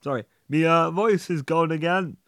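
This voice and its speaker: A man voicing a hoarse man who has lost his voice, clearing his throat and apologising. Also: a little high, normal speed, a bit bright, dry recording, studio quality. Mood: strained.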